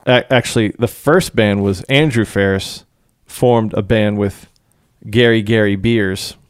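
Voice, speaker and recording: A man's voice: on the low side, a little slow, clear, resonant tone, dry recording. Laughing man in a dry, close room. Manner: jokey, laughs often. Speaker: podcast co-host. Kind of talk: casual music chat.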